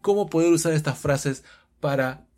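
A man teaching English phrases to Spanish speakers, explaining with animated energy and playfully acting out his students' questions. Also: on the high side, moderate pace. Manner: playfully acts out students' questions in raised voices.

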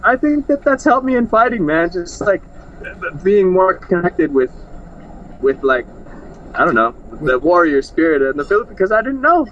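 A man's voice: high-pitched, very animated, normal speed, muffled recording, a little hiss or hum. A man, a fighter, chatting casually in an interview in a laid-back, rambling way full of slang and fillers.

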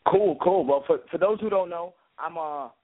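A man giving conversational sports analysis as a boxing pundit, in a halting delivery full of filler words. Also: a little high. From Brooklyn, New York. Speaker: guest boxing writer and analyst. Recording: tinny phone-like line.

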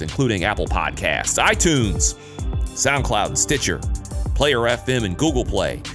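A man from the United States hosting a solo podcast in a casual, slangy, emphatic way, repeating phrases for effect. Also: lowish voice. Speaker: podcast host. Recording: music behind the voice. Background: music.

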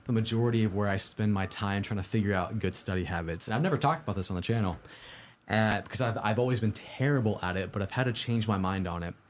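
Man, slightly low pitch, livestream host, upbeat tidy advice vlogger, informal, conversational, addresses viewers directly. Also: fast talker, a little hiss or hum. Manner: informal, conversational, posing questions to the audience. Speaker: host of a live-streamed IT study show. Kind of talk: casual livestream advice talk.

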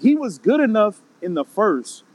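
A man's voice: high-pitched, big pitch swings, moderate pace. A man in a casual group discussion who repeats his phrases to make his point.

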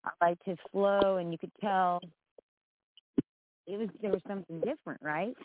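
A woman's voice: mid-range voice, fairly even intonation, moderate pace, a little hiss or hum. A woman co-hosting a casual group voice chat, effusive and encouraging, with slangy talk peppered with "man" and "dude". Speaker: co-host of a music show. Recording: narrow-band, dry online voice chat.

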